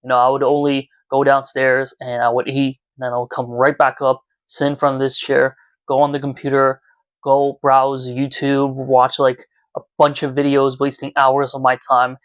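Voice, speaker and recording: Recording in his small room at home, a twenty-year-old man speaks to his YouTube viewers in an earnest, reflective confessional vlog. His mid-range voice is monotone at a normal speed, and the recording is dry.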